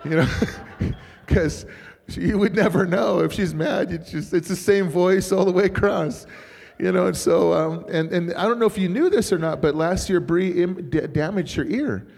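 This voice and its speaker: A man's voice: sits high, moderate pace, gravelly, a little mellow. A middle-aged man, a pastor, telling stories in a rambling, chatty sermon and laughing often. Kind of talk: informal sermon storytelling. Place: church. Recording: reverberant church hall.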